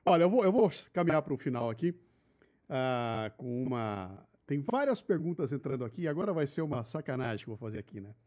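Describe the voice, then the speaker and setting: A man hosting a live interview, lively and informal, bantering with slang. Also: on the high side. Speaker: host.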